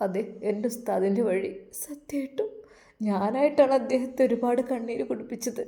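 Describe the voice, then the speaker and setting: A woman's voice: fairly high pitch, moderate pace, warm tone, lightly acted. A woman voicing a remorseful young pregnant wife who tells her story in a pleading, raised voice.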